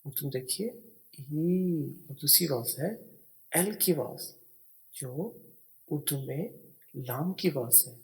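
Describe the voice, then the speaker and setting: A man's voice: on the high side, slow pace, vocal fry, long pauses. A man teaches English words by spelling them out letter by letter and patiently explaining each sound. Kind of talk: slow spelling and pronunciation lesson.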